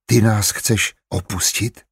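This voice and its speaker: A man's voice: on the low side, gravelly, a little mellow, slightly rough, no echo, clean studio sound. A male narrator voicing a stern, worried village wife who turns to frightened pleading. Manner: stern, rising to frightened cries. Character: strict worried farm wife, pregnant.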